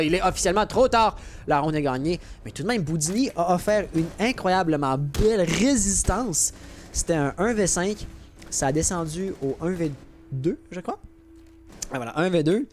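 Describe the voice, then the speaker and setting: A young man casting an esports match with play-by-play commentary, excitable and rising sharply at big plays. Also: on the high side, slight background noise. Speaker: esports caster.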